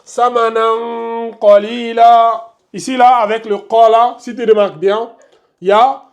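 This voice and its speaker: With a very high-pitched voice at a moderate pace, a man teaches Quran recitation in a classroom with a board. His lesson involves patiently repeating examples and drawing out each sound as he demonstrates it.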